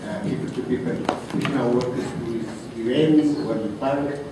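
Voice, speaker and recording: Soft-spoken man from Africa, echoey hall. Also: mid-range voice. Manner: soft-spoken, halting, many fillers. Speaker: colleague giving a tribute. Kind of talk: heartfelt tribute speech. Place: reception room. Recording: roomy, distant, noisy room recording.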